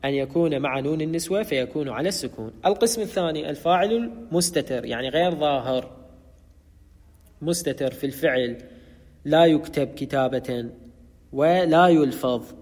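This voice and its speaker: A man's voice: on the high side, moderate pace, a little mellow, big-room sound. A man teaching Arabic grammar in a methodical lecture, repeating key terms and correcting himself as he goes. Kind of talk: explanatory lecture.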